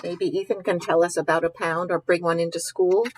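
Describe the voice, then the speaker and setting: Reading a picture book to young children, a woman pauses to ask questions, muse aloud, and explain things simply. Her voice is on the low side with little pitch movement, and she talks briskly. The recording quality is low.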